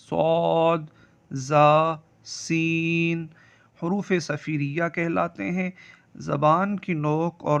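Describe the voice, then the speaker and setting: Teacher, male, gravelly, somewhat high voice, drawls letters for drills, dull lo-fi sound. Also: fairly bright tone. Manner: drawn-out, careful letter recitation. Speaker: Quran reading teacher. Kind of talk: explaining and reciting letters slowly. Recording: dull lo-fi recording.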